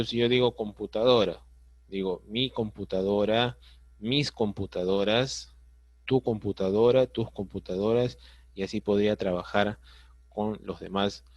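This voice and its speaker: A man's voice: on the low side, no echo, highs cut off. A male teacher explaining grammar patiently, step by step, checking in often with his class. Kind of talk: online grammar lesson.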